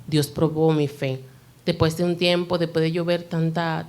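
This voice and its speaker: A woman with a low voice gives her testimony before a church congregation. She speaks earnestly and with feeling, addressing the listeners as brothers and sisters. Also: mellow. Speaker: church member giving testimony.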